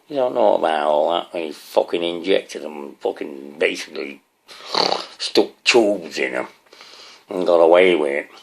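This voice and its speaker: A man's voice: rumbling low, gravelly. A man rambling to his viewers in a swearing, ranting monologue, often asking them questions. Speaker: vlogger.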